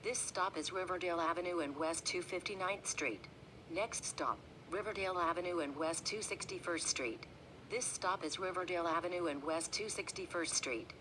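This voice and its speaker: A woman's recorded voice giving bus stop announcements in a flat, measured, clipped readout, heard inside a moving bus. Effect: bus stop announcement over the onboard speaker. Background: engine rumble and road noise.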